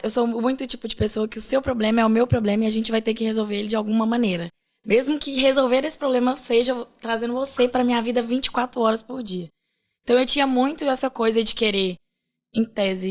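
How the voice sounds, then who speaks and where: A woman in her twenties chatting casually as a podcast guest, jokey and talkative. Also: a little high. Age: 20s. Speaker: content manager.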